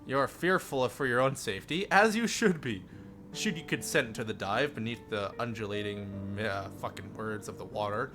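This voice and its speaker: A man is live-streaming a visual novel, reading it aloud with theatrical flair and tossing in playful jokes along the way. His voice is medium-pitched and fairly bright, and he keeps a moderate pace. Music plays in the background.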